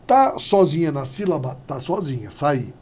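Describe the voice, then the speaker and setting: A male teacher gives a grammar lecture in a fairly high, husky voice. His delivery swings widely in pitch as he acts out quick dialogues at the board. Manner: lively, animated, acts out little dialogues.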